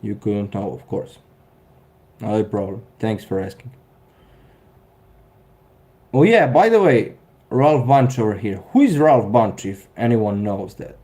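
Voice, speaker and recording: A man in his thirties with a Serbian accent chats casually on a live stream, reading viewer comments aloud. He is dry and sarcastic and chuckles often. His voice is low, mellow and relaxed. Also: measured pace, long pauses. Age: 30s.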